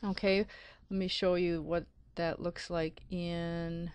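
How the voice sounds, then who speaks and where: A woman narrating a screencast software tutorial as an IT support instructor, explaining methodically step by step. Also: on the low side, level tone, takes it slowly, smooth. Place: close, dry voice-over for a screen recording.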